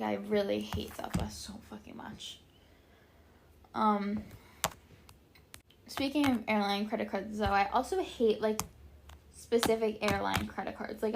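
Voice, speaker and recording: A woman's voice: medium pitch, steady tone, moderate pace, creaky, background noise. A young woman hosting a casual solo podcast, rambling and chatty, with lots of "like" and casual swearing. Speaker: podcast host.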